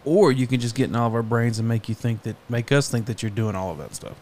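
A man's voice: medium pitch, fast talker, a little mellow. A man hosting a casual podcast, playful and teasing, laughing often and joking with guests. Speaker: podcast host.

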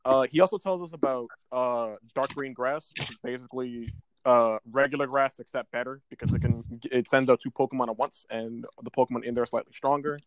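A man's voice: medium pitch, steady tone, a little fast, no echo. A man co-hosting a casual podcast about a video game, rambling and often stumbling over his words. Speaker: podcast co-host.

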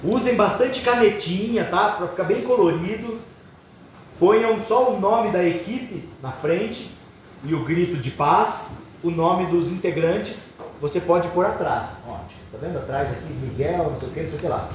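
Brazilian man, highish voice, kindergarten teacher manner, encouraging, talking to schoolchildren, echoey classroom, faint noise. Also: moderate pace. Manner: kindergarten teacher voice, encouraging, simple instructions and checking questions. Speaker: workshop leader for schoolchildren. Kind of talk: addressing a class of children. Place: roomy classroom indoors.

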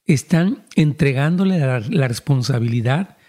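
A man's voice: medium pitch, animated, a little slow, dark tone. A man, a pastor giving earnest counseling talk and speaking directly to listeners.

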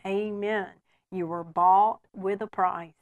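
A woman in her sixties teaching the Bible on a program, earnest and conversational, often pausing for an amen. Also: medium pitch, fairly even intonation, phone-quality sound.

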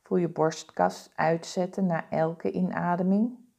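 A woman talks a listener through a body-scan meditation. Her voice is low-pitched and mellow, and her pacing is very slow and calm. She gives each instruction in a soothing, even way. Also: creaky. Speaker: meditation guide.

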